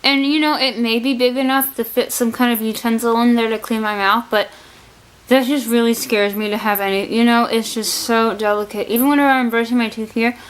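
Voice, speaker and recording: A woman's voice: on the high side, fairly even intonation, brisk, clean tone, poor audio. A woman chatting casually in a vlog, speaking with a sore, stiff jaw that barely opens and a partly numb mouth after surgery. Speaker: vlogger sharing surgery recovery. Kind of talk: casual chat.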